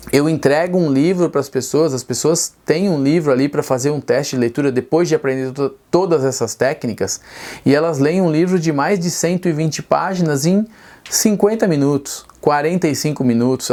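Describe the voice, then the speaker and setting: A man's voice: fairly high pitch, darkish tone. A middle-aged man teaching speed reading straight to camera, earnest and persuasive, asking rhetorical questions and answering them himself.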